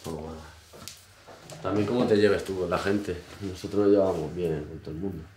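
A man in his twenties, a barber, chatting casually while shaving a client in his small shop, in short relaxed phrases. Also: low-pitched, brisk. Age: 20s. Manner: relaxed, modest, talks in short trailing phrases. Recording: roomy shop echo, faint noise.

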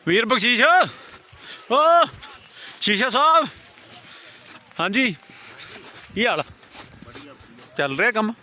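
High-voiced Punjabi man vlogging outdoors. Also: lively intonation, takes it slowly, long pauses, pushed and bright. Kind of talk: casual travel vlog chat. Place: outdoors in a snowy mountain valley. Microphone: handheld phone camera. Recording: outdoor crowd and vehicle noise.

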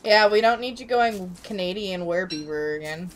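A woman's voice: mid-range voice, normal speed, slight background noise. A young woman hosting a let's play, chatting casually, giggling often and swearing freely. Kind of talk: casual gaming chat.

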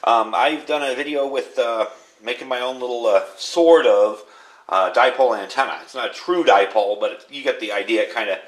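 A radio reviewer with a mid-range voice talks a little fast as he casually demonstrates a product by hand, explaining it informally without any script. He's indoors at a workbench, where room ambience and background noise are clearly heard.

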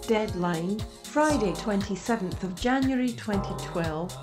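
A synthesized female robot voice reading out event details in a flat, even announcement manner. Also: medium pitch, a little slow. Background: music.

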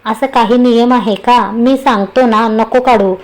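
A woman's voice: a little high, fairly even intonation, a little slow, lightly acted, rough recording. A woman voicing a teasing, affectionate young man in a storybook reading. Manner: teasing, bickering.

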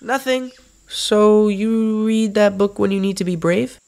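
A woman's voice: medium pitch, measured pace, vocal fry, a little mellow. A woman voicing an anxious but brave young boy in a comic dub, earnest and hesitant. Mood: friendly.

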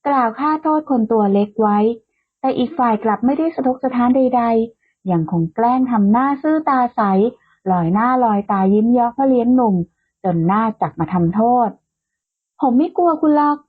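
A woman hosting and narrating a romance audio novel in a smooth, steady storytelling manner, with a tinny phone-like sound. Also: fairly high pitch, normal speed. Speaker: audiobook narrator and channel host.

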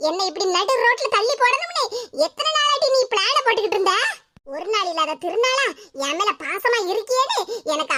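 Super high squeaky old mother-in-law in her 60s, tirunelveli accent, wails and scolds, loud hiss behind. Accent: Tirunelveli Tamil. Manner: wailing, scolding, dramatic complaints. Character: quarrelsome older village mother-in-law, shrill and accusing. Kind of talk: cartoon voice acting.

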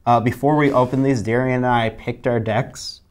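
A young man co-hosts a card opening at a table indoors. He speaks at an ordinary middle pitch, in a casual, slangy and joking way. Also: fairly even intonation, normal speed. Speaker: card box opening co-host. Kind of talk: casual chat while opening trading cards.

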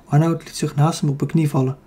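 A man's voice: a little high, level tone, quick pace, mellow, husky. A man with a Dutch accent narrating a children's fantasy audiobook, reading steadily with the odd slip and self-correction.

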